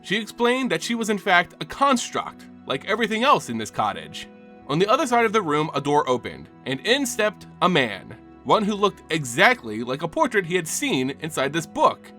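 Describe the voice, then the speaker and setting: This man's high-pitched voice takes huge pitch swings at a normal speed, sounding pushed and bright. As narrator of a lore channel, he performs a scripted fantasy story theatrically and dramatically, accompanied by a music bed.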